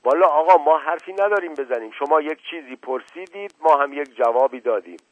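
A man's voice: on the high side, lively intonation, no room sound, voice pushed up. A male narrator voicing an evasive, folksy old male servant who drags out his words, on a tinny lo-fi radio recording. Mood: stubborn. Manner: drawn-out rustic turns of phrase.

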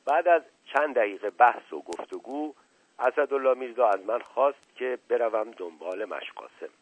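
A man narrating a novel for radio in a measured storytelling manner. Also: mid-range voice, lively intonation, slight background noise. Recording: tinny lo-fi radio broadcast.

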